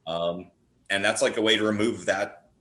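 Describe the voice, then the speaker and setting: Casual and emphatic, like an eager fan, a horror writer and performer talks informally as a podcast guest. His fairly low voice sounds pushed and bright, with fairly even intonation at a moderate pace.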